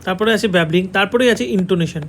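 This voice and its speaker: A man with a Bengali accent teaches an online exam-prep lesson in a high voice, going over each answer more than once and checking in with his students. Faint noise sits under the recording. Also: racing, fairly bright tone. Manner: repeats key answers, checks in with "ঠিক আছে". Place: classroom with a board.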